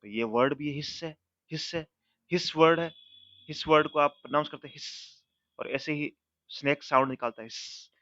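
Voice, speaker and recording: A man, a Hindi-speaking English professor with an Indian accent, lecturing students, reading example lines slowly and imitating their sounds aloud. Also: fairly high pitch, fairly bright tone, dry recording, dull audio. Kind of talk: recorded college lecture.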